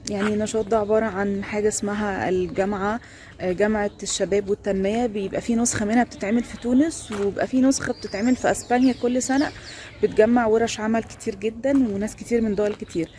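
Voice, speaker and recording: A woman's voice: mid-range voice, fairly even intonation, mellow, a little hiss or hum. A young woman with an Egyptian accent hosting a casual vlog, chatting and introducing the interviews. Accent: Egyptian Arabic. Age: young adult. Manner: chatty, fast, friendly greeting. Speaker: host.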